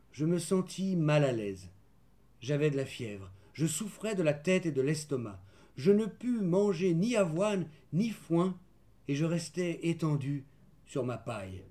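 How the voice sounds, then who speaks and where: A man narrating a children's storybook in the first person, measured and gentle. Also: on the high side. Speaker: audiobook narrator.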